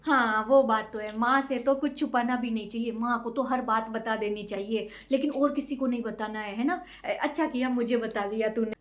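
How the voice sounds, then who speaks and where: A woman's voice: on the high side, moderate pace, hardly any pauses, close to an everyday voice. A woman playing a gossipy, boastful middle-aged mother who nags and lectures in a comic family sketch. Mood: chatty. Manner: nagging, lecturing, rhetorical 'है ना?' tags.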